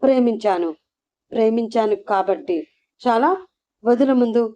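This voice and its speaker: A woman's voice: medium pitch, moderate pace, no echo, close to an everyday voice. A woman doing a defiant, distressed young wife. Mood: upset, defiant. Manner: shouting back, defiant. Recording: slightly muffled lo-fi recording.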